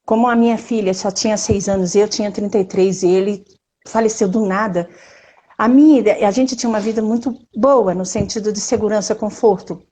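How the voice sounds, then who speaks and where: A woman with a Brazilian Portuguese accent talking in a casual live stream, expressive and emphatic, speaking straight to her audience. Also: mid-range voice, a little fast.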